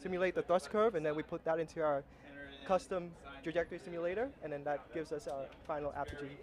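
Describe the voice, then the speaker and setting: A man's voice: a little high, steady tone, fast talker, crowd noise. A young man from Vietnam, a rocketry team's flight simulation lead, talking casually outdoors at a launch site with many fillers and restarts. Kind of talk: casual interview.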